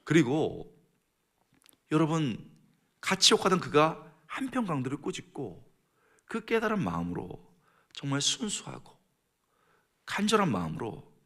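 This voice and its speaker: A middle-aged man preaching a sermon as a pastor in a church. He moves between hushed, almost whispered lines and raised, emphatic passages. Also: on the high side, big pitch swings, a little slow, long pauses.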